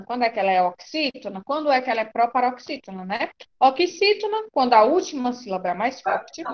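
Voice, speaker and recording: A woman's voice: high-pitched, dull audio. A woman with a Brazilian Portuguese accent teaching an online class, reassuring and often asking "tá certo?".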